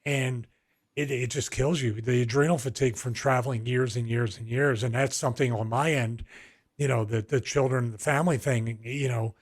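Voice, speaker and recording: A man's voice: medium pitch, fairly even intonation, normal speed. A middle-aged man with a Philadelphia accent, co-hosting a podcast in casual, rambling chat full of restarts. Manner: rambling, storytelling with frequent restarts and fillers. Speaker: podcast co-host.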